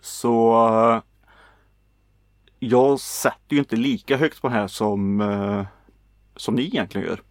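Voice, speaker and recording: Swedish man, podcast co-host, easygoing and halting, gravelly mid-pitch voice, dry close sound. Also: no room sound. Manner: relaxed, hesitant with many fillers. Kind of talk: casual film chat.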